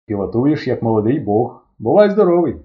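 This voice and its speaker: A man's voice: medium pitch, very animated, fairly quick, narrow, tinny audio, natural voice. A man reading an audiobook, voicing a carefree young guitarist who talks in an offhand, breezy way.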